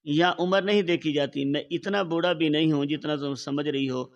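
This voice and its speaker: Storybook: man reads a soft-spoken, scheming older husband, slow and quiet, slightly distant mic. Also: on the high side, steady tone, highs cut off, lightly acted. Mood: quiet, persuasive. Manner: slow, quiet, measured speech. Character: older widowed man, calm and manipulative.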